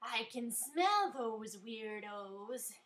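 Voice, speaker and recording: A woman's voice: extremely high pitch, expressive, slow, pushed and bright, echoey room, pitched above the performer's own voice, exaggerated voice. A woman voicing a teenage girl who babbles in a giddy baby voice, read from her own story. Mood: ecstatic. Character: teen girl babbling like a small child.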